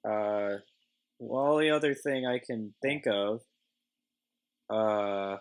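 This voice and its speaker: Low-voiced man ranting about games. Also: slow, poor audio. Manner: ranting, sings along jokingly. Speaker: gaming podcast co-host. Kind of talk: casual gaming chat.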